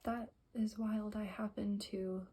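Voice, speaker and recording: A woman whispering softly in an ASMR style, reading aloud and rambling with self-correcting asides. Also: medium pitch, little pitch movement, takes it slowly. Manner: whispering and very soft-spoken. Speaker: ASMR creator. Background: faint music playing for plants, background hiss.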